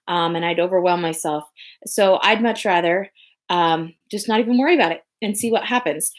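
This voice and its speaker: Chatty woman rambling at home. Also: medium pitch. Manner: rambling, chatty, many ums and restarts. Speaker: podcast host. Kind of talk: casual chat.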